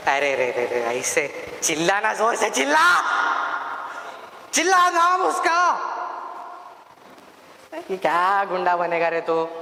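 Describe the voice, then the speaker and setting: A young man playing a gleeful, scheming male devil in a stage monologue, bossing his minions, taunting, and breaking into cackles and shouts. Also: a little high, a little hiss or hum. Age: young adult. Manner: taunting, bossy, bursts into cackling laughs and shouts. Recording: echoey hall, long reverb.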